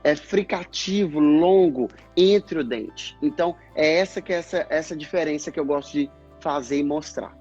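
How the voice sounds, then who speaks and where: A man, a speech therapist, explaining pronunciation in a casual live chat, in halting bursts. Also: on the high side, darkish tone. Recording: dull lo-fi stream audio, faint music.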